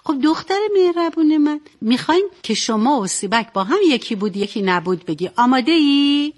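A woman's voice: high-pitched, expressive. A woman hosting a children's radio story hour, sweet and coaxing in manner.

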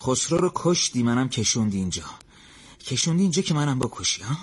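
A man's voice: mid-range voice, big pitch swings, breathy edge. An actor playing a desperate armed man who barks threats and orders. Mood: threatening. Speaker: gunman. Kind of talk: television drama acting.

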